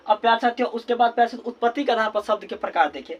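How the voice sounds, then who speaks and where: Man teaching at a board, high voice, repeats words while writing, faint noise behind. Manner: repeats words slowly while writing, constant filler phrase. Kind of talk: classroom grammar lesson at a board. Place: classroom with a board.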